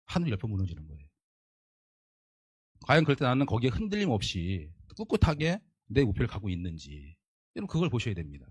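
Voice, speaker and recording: A man's voice: on the low side, huge pitch swings, fast talker, slightly rough, dry recording. A man giving a motivational leadership lecture in an emphatic style, repeating his points and asking his audience rhetorical questions.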